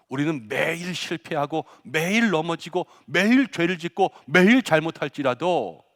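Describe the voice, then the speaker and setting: A male pastor preaching a Good Friday sermon, acting out quoted lines with rising force. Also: medium pitch. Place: church sanctuary. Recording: long church reverb.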